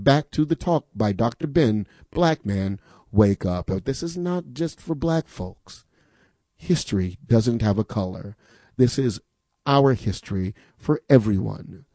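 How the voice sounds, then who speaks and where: Pleading with listeners during a radio fund drive, a man speaks emphatically and persuasively, leaning on rhetorical questions and repeating the call-in number repeatedly. His dark, mellow voice is on the low side, animated and a little slow, recorded close and dry in a studio without any room sound.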